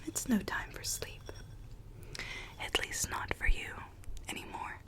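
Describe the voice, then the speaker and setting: A woman playing a weary, gently coaxing Alice from Wonderland in a soft, breathy ASMR roleplay whisper. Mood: gentle, attentive. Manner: slow, hushed, repeats words soothingly.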